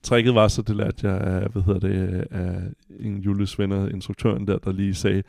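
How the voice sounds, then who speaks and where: A man co-hosting a podcast, chatting in a relaxed way. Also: sits low, gravelly, no room sound, clean studio sound. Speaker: podcast co-host. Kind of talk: casual chat.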